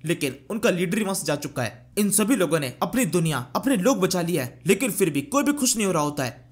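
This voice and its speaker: A man narrating a manhwa story recap in a dramatic storytelling manner, mixing in English words. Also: on the high side.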